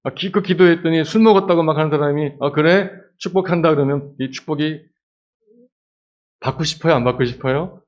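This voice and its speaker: Animated, chatty pastor's sermon. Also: male voice, fairly high pitch, brisk. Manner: conversational, animated, many rhetorical questions.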